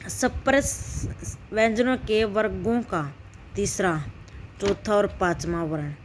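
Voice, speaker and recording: A woman's voice: mid-range voice, takes it slowly, pauses often, slight background noise. A woman teaching a grammar lesson, repeating herself and asking and answering her own questions.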